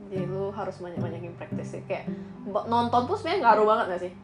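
Young woman talkin slangy and casual, mid pitch, loud guitar music behind. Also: fast talker. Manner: casual slangy talk mixing English. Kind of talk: casual chat.

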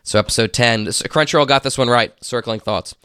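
A man's voice: mid-range voice, fairly quick, bright, forceful tone, clean tone, no room sound, studio quality. A man with a congested, nasal voice, slightly under the weather, hosting a casual podcast. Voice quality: stuffy-nosed, nasal. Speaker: podcast host. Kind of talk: casual podcast chat and episode recap.

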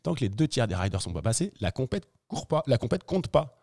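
A professional freeride skier tells a story in a casual interview, slangy and animated, acting out each scene as he goes. The man speaks briskly in a mid-range voice.

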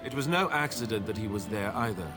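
A man voices a solemn young monarch addressing his people in a video game. He speaks in formal, kingly oratory at a middle pitch, with clear music playing behind him. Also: expressive, quick pace, close to an everyday voice. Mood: solemn, grateful. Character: solemn newly crowned king giving a funeral eulogy. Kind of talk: scripted video game cutscene speech.

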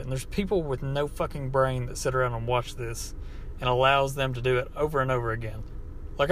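Man, Appalachian hillbilly accent, medium pitch, rambling casual podcast host, sweary, self-deprecating, recorded in a car, faint background noise. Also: fairly bright tone. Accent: Appalachian hillbilly American. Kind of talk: casual unscripted monologue. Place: inside a car.

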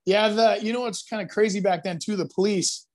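A man's voice: high voice, fairly even intonation, a little fast. A man who works as a real estate agent, chatting casually and telling long stories, acting out other people's lines as he goes. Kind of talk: casual podcast chat.

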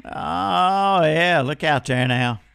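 A man hosts a live radio call-in swap shop and music show from a radio studio, folksy and rambling, playfully repeating himself. His voice is on the high side, slow, a bit bright, and smooth with vocal fry. He's on a close studio microphone with no room sound.

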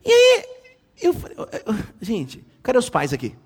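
A middle-aged bishop delivers a sermon full of comic family anecdotes. His voice sits high for a man and leaps all over the place, playful one moment and bursting into loud exclamations the next. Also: huge pitch swings, moderate pace, husky. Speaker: bishop preaching.

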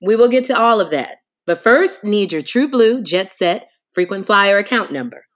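A woman's voice: medium pitch, animated, normal speed, close to an everyday voice. A woman playing an unflappable, officious airline agent with a polished customer service voice in a comedic phone drama. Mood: procedural, unruffled.

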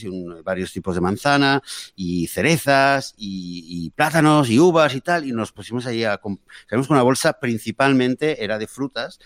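A man's voice: mid-range voice, no room sound, clean studio sound. A man co-hosting a casual podcast chat, a father telling a story with many fillers and restarts. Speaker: podcast co-host; father of daughters.

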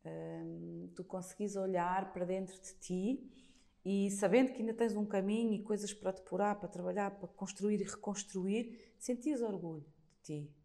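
A woman's voice: mid-range voice, fairly even intonation, moderate pace, vocal fry, warm tone. A woman with a European Portuguese accent speaking in a reflective, earnest and encouraging way as a guest in a conversation. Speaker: podcast guest, workshop leader.

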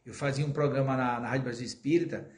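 A man's voice: mid-range voice, steady tone, fast, echoey room. A man with a Brazilian Portuguese accent giving a conversational spiritist lecture, often asking the audience questions and joking with them.

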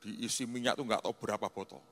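A man with a Javanese-tinged Indonesian accent, preaching a sermon as a pastor and telling stories with lively, acted-out voices. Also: fairly low pitch, quick pace. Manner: animated storyteller, acts out quoted voices. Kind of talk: sermon storytelling. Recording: long reverb in a large hall with faint music.

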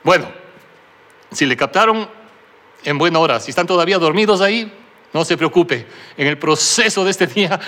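A middle-aged male pastor with a noticeably high voice for a man preaches a sermon. He tells his story in a conversational way, checking in with the congregation through constant tag questions. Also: pushed and bright. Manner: self-deprecating humor.

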